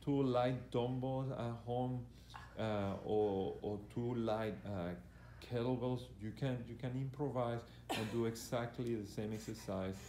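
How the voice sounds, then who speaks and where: A man's voice: medium pitch, steady tone, measured pace, mellow. A man working as a fitness coach explains exercises as they are demonstrated, in a hesitant, repetitive, instructional way. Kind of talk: live exercise demonstration commentary. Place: indoor gym. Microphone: handheld camera operated by the speaker. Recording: echoey room, faint background noise.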